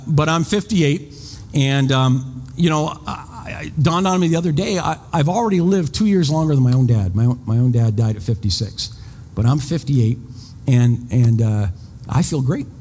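With a mellow, medium-pitched voice at a moderate pace, a man in his fifties delivers a conversational sermon. Repeated words and self-deprecating remarks pepper his speech, and the audio carries long reverb over faint background noise.

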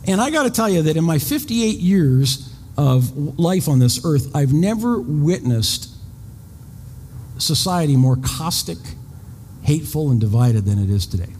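A man's voice: on the high side, very animated, measured pace, darkish tone. A pastor in his fifties giving a sermon in a conversational way, often repeating words and making self-deprecating asides. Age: 50s. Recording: long reverb, faint background noise.

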